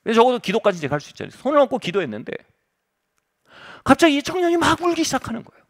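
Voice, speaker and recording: A man's voice: very high-pitched, wildly swooping pitch, rapid-fire. A middle-aged male pastor preaching a revival sermon, telling a story with humor.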